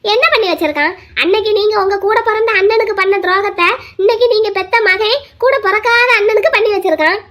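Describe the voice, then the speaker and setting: A woman with a very high voice performs a cartoon family drama. Her delivery is sing-song and dramatic, moving between mournful laments and sharp arguing. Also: quick pace. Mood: argumentative.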